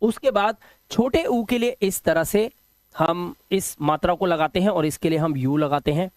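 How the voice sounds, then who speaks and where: A man's voice: high voice, moderate pace, a little mellow, no echo. A man teaching a video lesson, who asks his viewers questions and answers them himself. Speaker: English teacher. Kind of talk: classroom-style video lesson.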